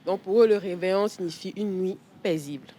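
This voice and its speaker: Calm Togolese woman explaining on TV. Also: medium pitch, a little fast, a little hiss or hum. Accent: Togolese French. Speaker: show columnist. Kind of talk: explaining a segment on a talk show. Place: TV studio.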